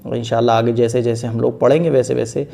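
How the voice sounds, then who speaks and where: A man's voice: mid-range voice, little pitch movement, creaky, dark tone. A man teaching a beginners' Quran reading lesson, explaining letter sounds patiently and stretching each letter long in one breath.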